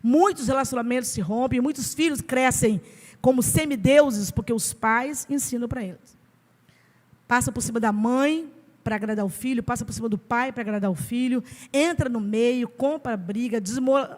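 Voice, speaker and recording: A Brazilian woman pastor preaching a sermon in an emphatic, conversational way, asking rhetorical questions. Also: a little high. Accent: Brazilian Portuguese. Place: church sanctuary. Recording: reverberant church hall.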